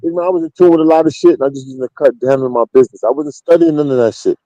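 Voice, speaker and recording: Speaking very fast in a mellow, mid-range voice, a Queens man with a New York accent shares street stories as an interview guest, blunt, slangy and emphatic. The recording has no room sound and its highs are cut off.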